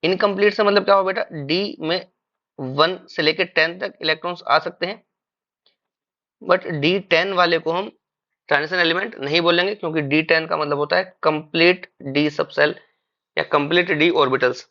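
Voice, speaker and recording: A man's voice: on the high side, fairly even intonation, moderate pace, dull audio. A man teaching chemistry in a classroom-style lecture. He calls his students "beta", poses questions and answers them himself, and mixes English terms into Hindi.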